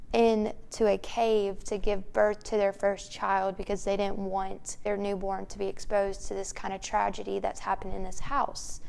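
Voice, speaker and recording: A woman's voice: medium pitch, creaky, darkish tone. A woman co-hosting a vlog, telling a story casually and matter-of-factly in a room of an old house. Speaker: vlog co-host. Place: room inside an old mansion.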